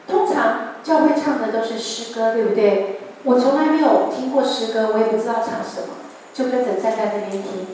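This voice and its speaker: A woman with a Taiwanese Mandarin accent tells her testimony with lively storytelling and keeps asking the congregation questions. Her fairly high voice rings through a big church hall. The mic is some distance away, so it sounds roomy and faintly noisy. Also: fairly quick. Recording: echoey church hall from far off.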